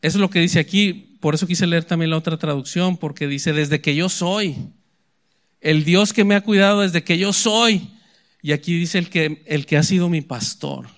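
A man preaching a sermon in a conversational way, often tagging lines with "¿verdad?" and slowing down to read scripture aloud. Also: fairly high pitch. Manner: conversational, frequent "¿verdad?" asides; slows for dramatic scripture quotes.

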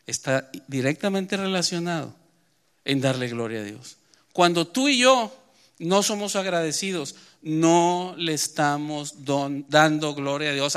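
Bright-voiced preacher giving a sermon. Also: male voice, fairly high pitch, clear, resonant tone. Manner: expressive, shifts between quiet reading and emphatic rises.

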